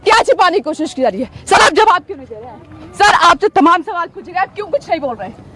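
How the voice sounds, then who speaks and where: A woman's voice: very high-pitched, big pitch swings, quick pace, over a noisy crowd, heavy background noise. A woman field reporter giving a live news report outdoors, insistent and emotional, repeating her demands. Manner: emotional, voice breaking at times. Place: outdoors at a police barricade.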